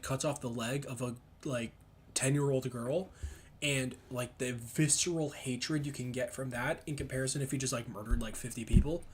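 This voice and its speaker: A young man chatting casually and emphatically in slang, thinking out loud as he rambles through his opinions. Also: mid-range voice, a little hiss or hum. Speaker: solo commentator reading and reacting to comments. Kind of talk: casual rambling chat about comics and anime.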